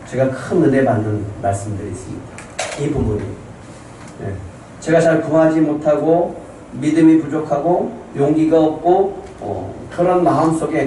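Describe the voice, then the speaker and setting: A man's voice: a little high, dark tone, a little hiss or hum. A man preaching a Sunday sermon as pastor, calling out to his congregation and reading scripture with them. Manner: calls out to the congregation, reads scripture aloud with them. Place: church sanctuary. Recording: echoey church hall from far off.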